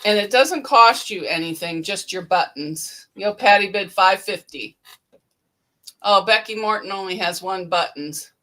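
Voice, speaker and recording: A woman hosting a casual sewing livestream, briskly reading out viewer names and bid amounts from the chat. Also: mid-range voice, bright, forceful tone. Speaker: livestream host. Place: indoor sewing room.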